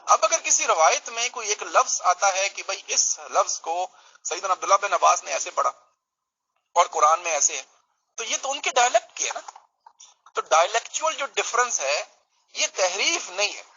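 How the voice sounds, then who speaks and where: A man's voice: high-pitched, animated, bright, forceful tone, breathy edge, dull audio. A man from Pakistan, explaining his case in a religious debate in a teaching manner and checking in with his listener.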